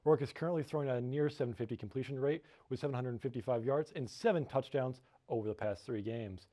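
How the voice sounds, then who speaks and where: A man's voice: medium pitch, fast talker, dark tone. A young man presenting a scripted sports segment as a reporter in a TV studio.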